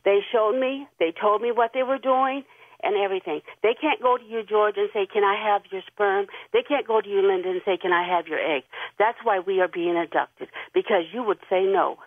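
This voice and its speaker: A woman from Tennessee calls in to a radio show by phone and tells a rambling story, nervous but earnest. Her mid-range voice moves at normal speed with no echo, heard through a tinny phone line.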